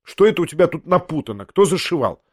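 Bossy, impatient lady of the house in an audiobook, a man doing the voice, sharp-tongued, pitched up. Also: big pitch swings, quick pace, husky, no room sound, studio quality. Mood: brusque. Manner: scolding, commanding. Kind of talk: audiobook character voice.

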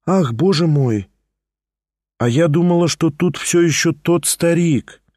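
Man doing a dazed young woman in a storybook, soft short replies, dry close sound. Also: a little high, measured pace, no echo. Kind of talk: audiobook character reading.

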